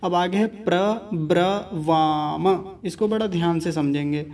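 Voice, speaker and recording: A man with a fairly high voice leads a pronunciation lesson in an unhurried way. He breaks each word into syllables and says them slowly, one at a time, then repeats them patiently. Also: a little mellow. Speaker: teacher. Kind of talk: slow, careful pronunciation lesson.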